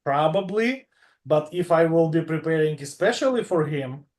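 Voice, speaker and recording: A man's voice: on the high side, animated, normal speed, darkish tone. A man in his forties, a guest on a casual video-call chat, confident and boastful. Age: 40s. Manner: confident, boastful, laughs easily.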